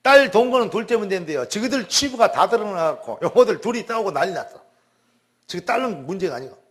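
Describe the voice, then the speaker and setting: A male pastor with a notably high voice delivers his sermon as a lively testimony. He tells the story emphatically, with exclamations, and repeats words when he stresses a point. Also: fast, slightly rough.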